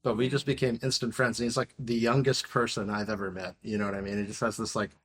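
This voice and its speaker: A man's voice: on the low side, little pitch movement, fast talker, fairly bright tone. A man in his thirties, a podcast guest and musician, talking casually and rambling with many fillers. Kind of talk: casual interview chat.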